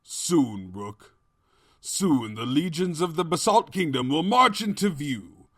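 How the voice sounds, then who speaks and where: A man's voice: a little high, very animated, slow, fairly bright tone, breathy edge, no room sound, studio quality, voice pushed up, exaggerated voice. A man voicing a pompous, scheming and cowardly evil pony king with theatrical, grandiose delivery in a story. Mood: smug, scheming.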